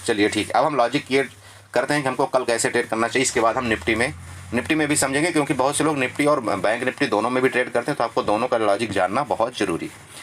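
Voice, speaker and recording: A man's voice: medium pitch, fast, fairly bright tone, a little hiss or hum. A man walking viewers through trading charts in a casual lesson, chatty and repetitive, often checking in with his listeners. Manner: chatty, repeats "theek hai", addresses viewers as friend. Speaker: stock market trading tutor.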